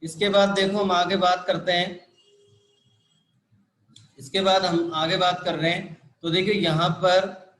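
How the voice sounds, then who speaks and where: A man's voice: high voice, flat delivery, slow pace, long pauses, fairly bright tone, reverberant. A man teaching a live online grammar class, explaining patiently and repeating key points with frequent check-ins. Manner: repetitive, patient explaining with frequent "ठीक है" and "देखो".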